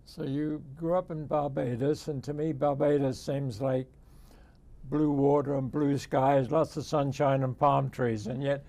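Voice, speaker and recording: A male host leads a relaxed interview with a mellow, dark tone and a gravelly rasp at the bottom of his voice. He asks friendly questions in a conversational, encouraging way. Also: mid-range voice, unhurried. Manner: friendly, conversational, gently prompting. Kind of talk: interview hosting.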